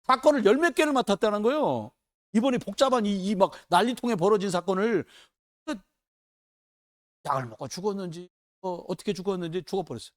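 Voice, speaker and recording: A male pastor delivering a sermon in a church. His voice sits high and swings widely in pitch as he tells loose, chatty stories. He acts out the people he quotes. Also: fairly quick. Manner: animated, colloquial storytelling with acted quotes.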